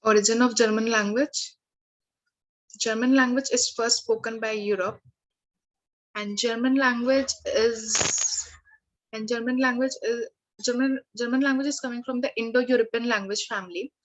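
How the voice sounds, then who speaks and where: Halting woman tutor, many fillers. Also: a little high, steady tone, poor audio. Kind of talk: live online beginner language lesson.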